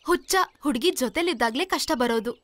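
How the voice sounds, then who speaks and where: A woman's voice: high-pitched, animated, brisk, no echo. An actress playing an anxious, pleading young woman in love, in a film. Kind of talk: film acting.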